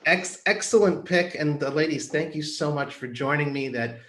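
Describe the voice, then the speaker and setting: A man's voice: a little high, normal speed, a bit bright. A man hosting a panel talk show over a remote video call, polite and upbeat as he thanks the guests and closes. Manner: upbeat, polite wrap-up delivery. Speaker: show host. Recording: roomy echo.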